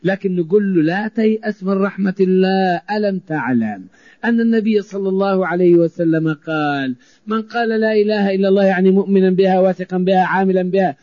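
A male preacher delivers a sermon in a high voice. He drives his points home by repeating phrases. The recording is dry and dull, lo-fi in quality. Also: quick pace, no echo. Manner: emphatic, repeating phrases for stress.

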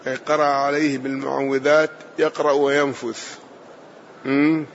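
A man teaching a religious lesson, explaining texts calmly and confirming points with short acknowledgements. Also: mid-range voice, normal speed, vocal fry, lo-fi sound, slight background noise. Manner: calm explanatory glosses, affirming with short acknowledgements.

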